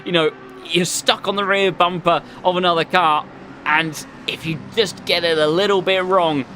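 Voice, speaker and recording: High, bright-voiced male motorsport commentator. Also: fairly even intonation, moderate pace, faint music behind. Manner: flowing, descriptive play-by-play with colourful turns of phrase. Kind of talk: live sim-racing race commentary.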